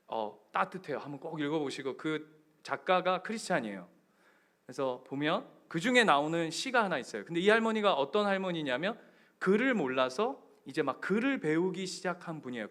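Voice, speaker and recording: A male pastor preaching a sermon, telling stories and acting out quotes, building up to loud passages. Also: on the high side. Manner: storytelling, acting out quotes, rising to shouts.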